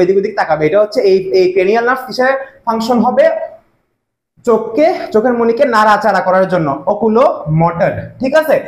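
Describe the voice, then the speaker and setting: A man tutoring for admission exams in a casual lesson, with a Bangladeshi Bengali accent, who repeats key terms and keeps asking quick check questions. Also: very high-pitched, echoey room.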